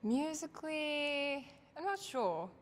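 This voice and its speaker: A woman's voice: sits high, lively intonation, slow. A young woman from Japan, a violinist, giving thoughtful interview answers with light laughs.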